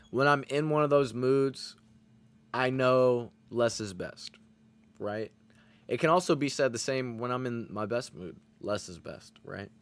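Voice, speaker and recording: A man streaming to his chat, rambling and self-reflective in casual motivational talk, full of fillers and frequent swearing. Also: on the low side.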